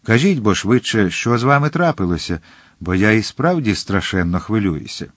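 A man reading aloud, voicing a reserved, grave older male musketeer in a low, restrained voice. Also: big pitch swings, normal speed, no echo, studio quality.

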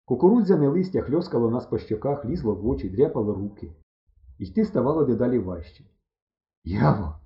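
Animated male audiobook narrator. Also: medium pitch, fast. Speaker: audiobook reader. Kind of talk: expressive first-person storytelling. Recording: roomy, dull recording.

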